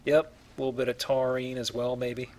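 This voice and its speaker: In a mid-range, slightly mellow voice, a man narrates his video game play for a let's play with casual wryness. His delivery is flat and fairly quick. Faint noise and game ambience fill the background.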